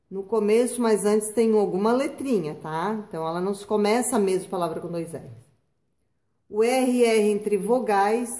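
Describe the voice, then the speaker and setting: Slow, patient teacher woman. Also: medium pitch, a little mellow. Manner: slow, patient, stretches out words, repeats "tá?" and "né?". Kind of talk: children's spelling lesson. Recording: echoey room.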